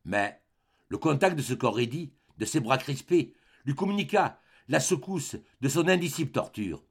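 A male audiobook narrator reading a classic novel with measured, dramatic phrasing. His pitch moves expressively through each sentence, and a gravelly texture creeps in when he drops low. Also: lively intonation. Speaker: audiobook reader. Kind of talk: scripted literary narration.

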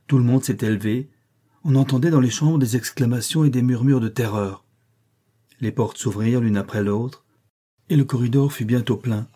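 A man reading a classic novel aloud in measured, dramatic scripted narration. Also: mid-range voice, warm tone, slightly rough. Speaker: audiobook narrator.

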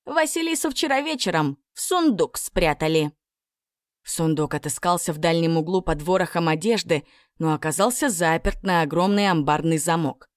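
A woman narrating a fairy tale audiobook in a lively, expressive way. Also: on the low side, no echo, studio quality.

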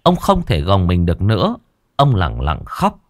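A man narrating a scripted horror story in a dramatic, drawn-out storytelling manner. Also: low voice, huge pitch swings, no echo, clean studio sound. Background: faint music.

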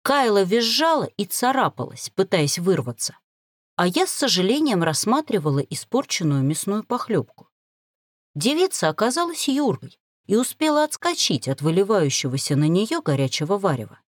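A woman narrating a first-person novel in an expressive, dramatic reading. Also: mid-range voice, normal speed, no echo, studio quality. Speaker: audiobook narrator.

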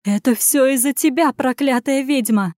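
Haughty noble lady voiced by a woman, shrill, accusing, high drawn-out lines, dry sound. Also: a little mellow, no room sound, lightly acted. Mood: scolding.

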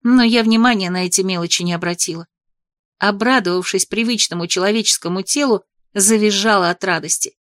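A woman reads a fantasy tale in the first person, lively and expressive in her telling, at a middle pitch. The recording is close and dry, with no room sound around her voice. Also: brisk, dry recording. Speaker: audiobook narrator.

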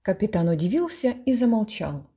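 Husky woman reading a story. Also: mid-range voice, sing-song, normal speed, dark tone. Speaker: reader. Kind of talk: reading a humorous story aloud.

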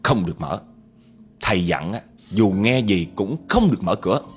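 A man's voice: sits low, animated, moderate pace, husky, heavily acted. A man voicing a middle-aged husband who speaks with a trembling but resolute voice in a horror story. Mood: firm warning.

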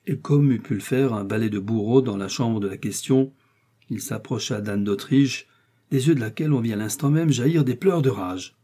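A man narrating a classic novel as an audiobook in a measured storytelling manner. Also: medium pitch, dark tone, husky.

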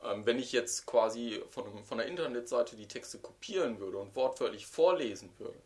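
A man's voice: medium pitch, animated, moderate pace, darkish tone. A man co-hosting a casual podcast chat, recounting events with dry, teasing banter. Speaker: podcast co-host. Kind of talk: casual wrestling review chat.

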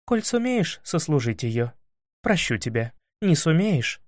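A man voicing a shrewd grown princess in an audiobook, calm, commanding and lecturing. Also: fairly high pitch, unhurried, dry recording, studio quality. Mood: stern. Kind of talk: audiobook character voice.

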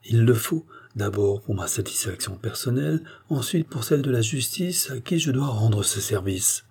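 Man reading a novel aloud, husky tone. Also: medium pitch, lively intonation, normal speed, a little mellow. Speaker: audiobook narrator. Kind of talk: scripted narration of a detective novel.

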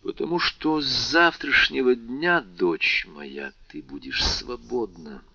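A man reading an audiobook, voicing a grave nobleman who speaks in a slow, measured and solemn way. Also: medium pitch, lively intonation, vocal fry, bright, forceful tone, husky, highs cut off, pitched above the performer's own voice, full character voice. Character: the Count, older nobleman, grave and commanding.

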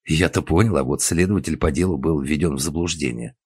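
A man voicing a calm, persistent male investigator who speaks in a measured way, with a husky voice. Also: very deep voice, dry recording, exaggerated voice.

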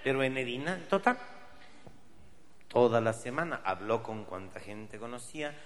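A man's voice: mid-range voice, brisk, long reverb tail. A man with a Mexican accent telling a stand-up story in a profane, wry way. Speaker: comedian.

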